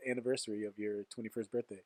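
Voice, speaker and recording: A man co-hosting a podcast in casual chat, playful and teasing and quick to laugh. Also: fairly low pitch, flat delivery, a little mellow, no echo. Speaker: podcast co-host.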